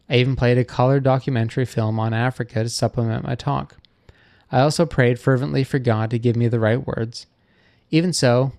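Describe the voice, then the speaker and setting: A man reads a memoir aloud in an earnest, measured way. His voice has a gravelly, fry-tinged texture at a middle pitch. The recording is dry and close, with no room echo. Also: a little mellow. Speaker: reader of a missionary memoir. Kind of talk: reading a book aloud.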